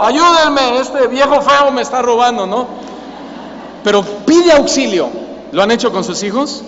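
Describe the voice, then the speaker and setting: A man in his thirties with a Mexican accent, preaching a sermon, questioning the congregation and rising to loud cries. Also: high voice, a little hiss or hum. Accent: Mexican Spanish. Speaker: pastor. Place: church hall. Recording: lo-fi church recording with long reverb.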